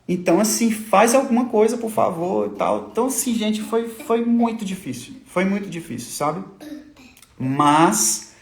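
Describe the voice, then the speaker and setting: A man, a father, telling his family's hard story in a halting, tearful way, often repeating his words. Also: sits high, animated, creaky. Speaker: father of a sick child. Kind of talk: emotional personal testimony on a livestream. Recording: echoey room.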